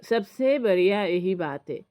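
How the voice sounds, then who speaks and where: Woman from assam vlogging, chatty storytelling, earnest advice, middle pitch. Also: expressive, a little slow, warm tone. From Assam, India. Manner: chatty, retells dialogue, gives earnest advice. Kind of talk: casual storytelling to camera.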